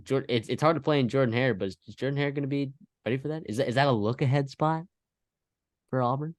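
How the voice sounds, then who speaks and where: A co-host of a college football podcast, speaking in a mid-range voice at a quick pace, rambles casually over scores while dropping fillers and restarting sentences. The studio sound is clean with no echo.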